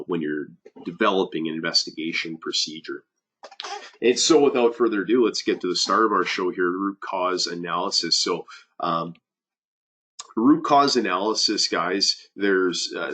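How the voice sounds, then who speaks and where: A male safety advisor presents a webinar in a deep, sharp-toned voice that sounds nasal because of a cold. His delivery is full of fillers and restarts.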